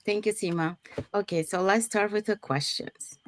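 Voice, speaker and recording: A woman's voice: medium pitch, fairly even intonation, normal speed. A woman from Panama hosting an online panel over a video call, announcing schedules and introducing guests. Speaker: host.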